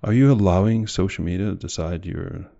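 A man's voice: sits low, a little fast, gravelly, mellow, muffled recording. A man delivering a motivational speech in an emphatic, direct way, full of rhetorical questions and repetition. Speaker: motivational speaker.

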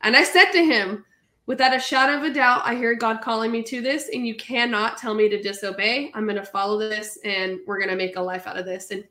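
A woman's voice: a little high, fairly even intonation, brisk, pushed and bright, roomy sound. Chatty woman from California telling her story. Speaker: guest entrepreneur. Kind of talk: casual interview storytelling.

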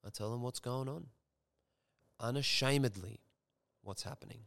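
A man's voice: mid-range voice, normal speed, creaky, a bit bright, no room sound. A young man, hosting a podcast and telling a personal story frankly, swearing freely. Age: young adult. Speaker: podcast host.

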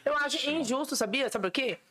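A woman's voice: sits high, brisk, a bit bright. A woman, a ride-hailing driver chatting casually and emphatically, full of rhetorical questions. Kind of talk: casual chat.

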